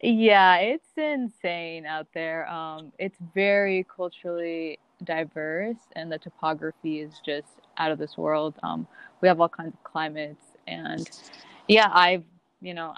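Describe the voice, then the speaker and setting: A woman's voice: fairly low pitch, unhurried, clean tone, no echo, highs cut off. A young woman from Colombia, a podcast guest chatting casually and laughing easily with many fillers. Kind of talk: casual interview.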